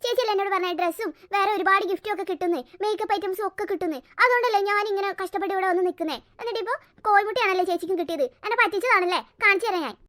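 A woman's voice: extremely high pitch, racing, a bit bright. A woman voicing a sulky, greedy young teenage girl in a cartoon, complaining in an indignant, whiny way. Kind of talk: cartoon voice acting.

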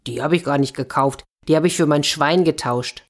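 A naive, eager young man from a storybook, always delighted with his lot, as a woman reader puts him on. The voice is pitched up from her usual low register and sounds bright-eyed and earnest. He speaks with wide-eyed enthusiasm. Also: moderate pace. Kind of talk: children's fairy tale reading.

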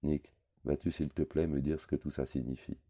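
A man's voice: a bass voice, flat delivery, fairly quick, warm tone, breathy edge, heavily acted. A man reading a novel aloud, voicing a bossy housewife who fusses and gives orders. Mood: stern. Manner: commanding, flustered.

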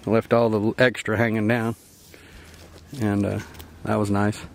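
In a lowish, creaky voice with flat, unhurried delivery, a young man gives an easygoing, rambling tour of his riverside campsite and chuckles often. He's a camping vlogger filmed outside on a handheld camera mic, with faint outdoor noise in the recording.

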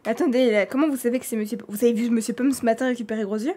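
Woman streamer, French accent, high-ish and theatrical, live role-play. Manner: animated, dramatic, quick swings in loudness.

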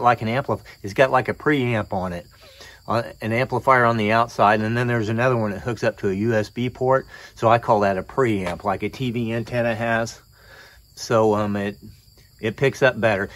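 A middle-aged American man with a medium-pitched, slightly bright voice gives a casual, unscripted show-and-tell as a hobbyist presenter. He talks in a plain-spoken, folksy way outdoors in a yard and on a roof, with insects audible in the recording.

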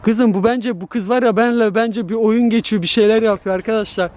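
A man's voice: high voice, fairly even intonation, brisk, a little mellow. Jittery man talking to camera at night. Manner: nervous, talks to viewers directly. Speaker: vlogger. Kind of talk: night-time scare vlog to camera. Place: empty park at night, outdoors. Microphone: handheld camera.

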